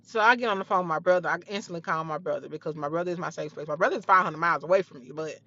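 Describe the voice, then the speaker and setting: A woman's voice: on the low side, rapid-fire, pushed and bright, dull audio. A young woman telling a heated personal story in a blunt, profane, casual way.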